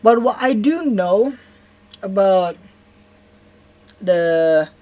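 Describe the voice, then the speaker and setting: With a mellow, expressive, medium-pitched voice, a young Indonesian vlogger tells her story extremely slowly. She speaks with an Indonesian accent, rambles in a casual way, corrects herself along the way, and repeatedly asks "right?"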